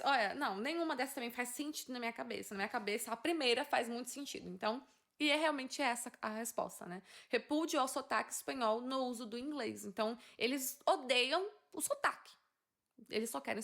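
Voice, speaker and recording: A woman's voice: on the high side, gravelly, fairly bright tone. A young woman with a Northeastern Brazilian accent, tinged a bit Paulista, talking through exam answers in a chatty way, thinking aloud and asking little tag questions. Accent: Northeastern Brazilian Portuguese, slightly Paulista. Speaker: English student reviewing exam questions. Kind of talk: casual exam walkthrough.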